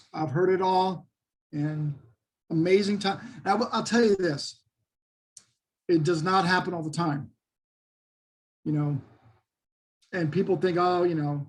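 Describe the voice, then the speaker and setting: Middle-aged male, high voice with a husky edge; folksy, keen interview guest. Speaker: interview guest, Bigfoot researcher. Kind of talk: casual interview talk.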